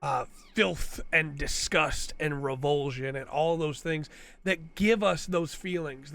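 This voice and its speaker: A video host with a cold hosts a casual commentary video, his voice on the high side, bright and forceful. He rambles and keeps tagging his points with "right?"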